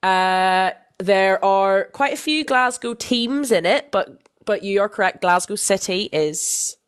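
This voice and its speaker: A woman's voice: medium pitch, expressive, smooth. Young woman co-host, casual and teasing, trips over her words and laughs at herself. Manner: playful, self-mocking, quick restarts. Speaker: podcast co-host. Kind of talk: casual chat.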